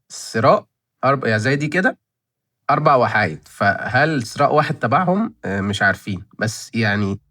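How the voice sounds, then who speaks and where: A young Egyptian man in his twenties talks to his viewers at a quick clip, chatty and rambling. He thinks aloud, circling back and repeating words as he goes. His voice sits at an ordinary middle pitch. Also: bright, forceful tone. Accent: Egyptian Arabic. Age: 20s. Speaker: channel host reviewing license plate auctions. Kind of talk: casual commentary to viewers.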